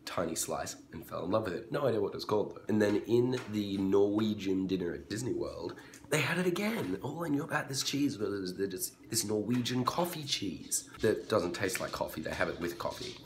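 A man's voice: fairly low pitch, animated, a little fast, a little hiss or hum. A man chatting casually and enthusiastically in a daily vlog, rambling into asides. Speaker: vlogger. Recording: background music.

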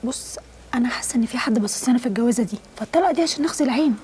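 A woman with an Egyptian Arabic accent playing an insistent bride-to-be who needles her fiancé quickly. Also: fairly high pitch, lightly acted. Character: impatient bride-to-be, sharp and insistent.

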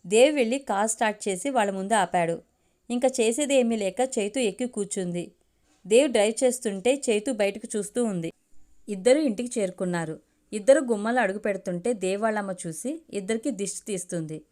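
A woman narrating a family story for an audio storybook in a steady, measured reading. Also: medium pitch.

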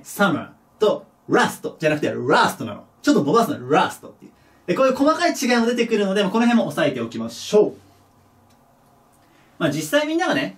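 A man teaching a recorded English pronunciation lesson, animated, dropping low to repeat example words. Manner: lively, drops to a low murmur for example words. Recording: voice a bit distant from the mic.

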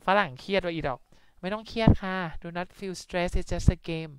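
A woman's voice: on the low side, a little slow, noisy background. A young Thai woman streaming a video game, chatting casually and mixing Thai-accented English with playful curses. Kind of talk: casual live game commentary.

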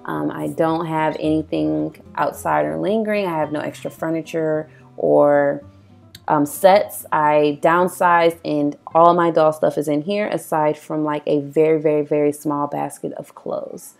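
A young woman with a tired, raspy voice, chatting enthusiastically through a doll collection tour in a voice-over, with plenty of ums. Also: low-pitched, flat delivery, measured pace. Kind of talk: casual show-and-tell narration. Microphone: voice-over, not recorded on camera. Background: soft guitar music.

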